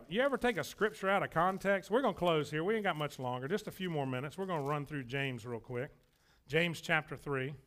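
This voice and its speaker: A pastor with a drawl delivers a folksy, joking sermon. His voice sits high for a man and rings sharp and bright as he presses his points home. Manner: folksy, joking, emphatic preaching.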